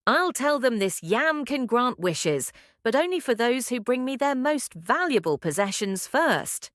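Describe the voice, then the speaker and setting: A woman's voice: on the high side, very animated, unhurried, a bit bright, no room sound, clean studio sound, voice pushed up. A woman voicing a sly, boastful male trickster spider in a folk tale, with a scheming, showy manner.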